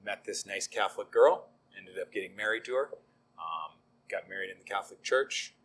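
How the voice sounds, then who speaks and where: A middle-aged deacon, appearing as a guest, shares his faith story conversationally, easygoing and self-deprecating with frequent ums. His voice sits low and is animated, slightly bright and husky, at a moderate pace.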